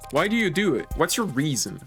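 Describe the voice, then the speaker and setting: A man's voice: on the high side, big pitch swings, a little fast, fairly bright tone, soft background music. A man streaming a story game, talking along to the scenes with a wry, dry humor. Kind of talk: casual game commentary and read-along.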